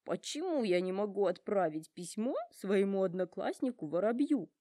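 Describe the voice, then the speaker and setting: A woman's voice: mid-range voice, expressive, normal speed, dark tone, no echo, clean studio sound, natural voice. A woman voicing a well-mannered young male elephant in a storybook, polite, earnest and heartfelt. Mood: indignant.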